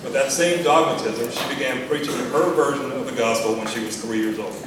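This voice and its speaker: A middle-aged American man from Texas gives a father of the bride speech at a wedding, sentimental and gently humorous in a measured delivery. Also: medium pitch, far from the mic. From Texas, United States. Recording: echoey room from afar, noisy.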